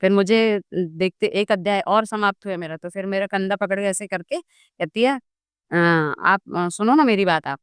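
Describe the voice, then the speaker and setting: A woman guest in a casual interview, telling a personal story in a lively way and acting out the dialogue. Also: mid-range voice, moderate pace, clean tone, no echo, studio quality. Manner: animated storytelling, acts out dialogue. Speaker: guest devotee.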